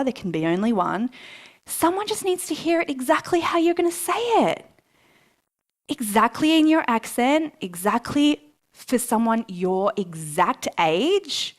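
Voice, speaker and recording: Lively woman giving a motivational talk. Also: on the high side. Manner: lively, chatty, self-mocking, quotes herself in asides. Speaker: speaker at a book launch event. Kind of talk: live motivational talk to an audience. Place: event room before a live audience.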